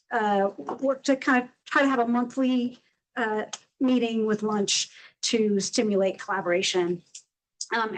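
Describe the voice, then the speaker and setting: A woman with a slightly high voice gives an informal welcome as the event host. Her delivery is halting, with many pauses between phrases. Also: a little hiss or hum, poor audio. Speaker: event host and faculty organizer.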